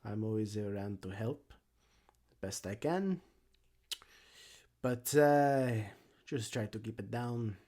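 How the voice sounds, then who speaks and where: A man's voice: on the low side, expressive, slow, pauses often, warm tone, pitched below the performer's own voice. A man voicing a fussy, nosy old male gnome exhibitor who speaks hesitantly. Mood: suspicious.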